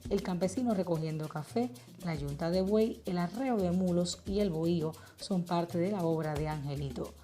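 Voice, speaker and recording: Woman, Cuban accent, report narrator, low mellow voice, faint background music. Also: normal speed, few pauses. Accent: Cuban Spanish. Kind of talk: scripted documentary narration.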